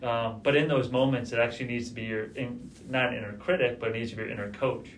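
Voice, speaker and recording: A man's voice: mid-range voice, fairly even intonation, fast. Masked male guest, muffled and distant. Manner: speaking through a face mask, slightly muffled. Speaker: podcast guest, registered dietitian. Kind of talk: casual chat. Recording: muffled, distant from mic, background noise.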